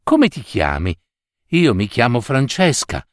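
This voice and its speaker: A man voicing a gentle fairy disguised as an old woman in a storybook reading, calm and unhurried. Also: medium pitch, no echo, studio quality. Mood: kind.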